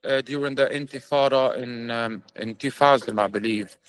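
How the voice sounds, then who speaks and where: A young man answers interview questions in a steady, mid-range voice. He talks earnestly and often pauses with "uh" and "um" as he looks for words. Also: mid-range voice, clear, resonant tone, rough recording. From England. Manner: earnest, halting with many fillers. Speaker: Muay Thai fighter, interview guest.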